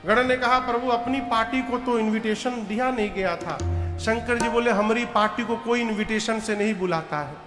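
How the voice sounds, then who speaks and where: Brief: male katha storyteller, high bright voice, slow and dramatic, echoey hall with music under him. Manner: dramatic, voices characters, breaks into chant. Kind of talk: devotional story sermon with singing.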